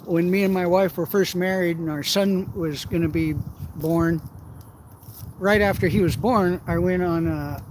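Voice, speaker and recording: A middle-aged man with a fairly high voice spins rambling, profanity-laced anecdotes and often laughs between them. He sits outdoors by the water, and a faint outdoor hiss runs under his voice. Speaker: outdoors vlogger. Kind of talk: casual storytelling while shore fishing.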